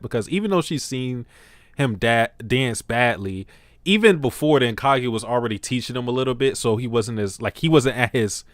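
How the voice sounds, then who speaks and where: A man hosting a casual livestream podcast, talking in an animated, slangy way and laughing often. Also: medium pitch, no room sound. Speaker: podcast host.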